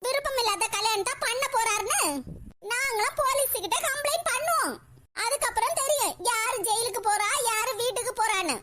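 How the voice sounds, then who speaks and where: A woman voicing a fierce, scolding sister-in-law from a village cartoon, whose very high, piercingly bright voice sharpens every retort. She talks in a Kanyakumari Tamil accent, defiant and quick to threaten. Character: bold loud-mouthed village sister-in-law. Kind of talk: cartoon voice acting.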